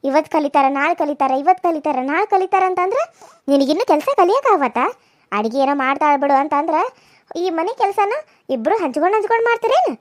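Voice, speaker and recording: A woman voicing a domineering older village mother-in-law, who scolds and taunts slowly. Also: high-pitched, lively intonation, no echo. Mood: commanding. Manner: scolding, insulting, drawn-out taunts. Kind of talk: cartoon voice acting.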